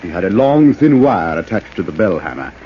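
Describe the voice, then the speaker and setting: An actor playing a composed, self-assured gentleman sleuth in a 1940s radio drama, suave and protective in manner. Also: deep voice, big pitch swings, fairly quick, slight background noise. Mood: light, explanatory. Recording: muffled old radio recording.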